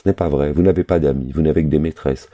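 A man's voice: extremely low pitch, fast talker, warm tone. A man reading aloud the lines of a jealous, capricious young woman, voicing her with little change from his own voice.

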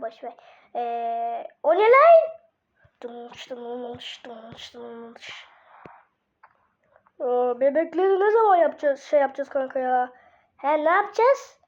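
Very high-voiced woman in excitable gaming banter. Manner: excitable, slangy banter with herself. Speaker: gamer voicing baby characters. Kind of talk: casual gaming role-play. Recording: dull lo-fi mic.

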